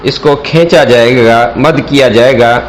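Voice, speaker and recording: A man's voice: mid-range voice, a little hiss or hum, poor audio. A man teaching an alphabet reading lesson, explaining each letter and stretching the sounds out carefully. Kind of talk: slow instructional alphabet lesson.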